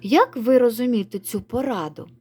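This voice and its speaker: A woman's voice: on the high side, moderate pace, a little mellow, breathy edge. A woman teaching young children a reading lesson, coaxing and sing-song, calling them pet names. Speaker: primary school teacher.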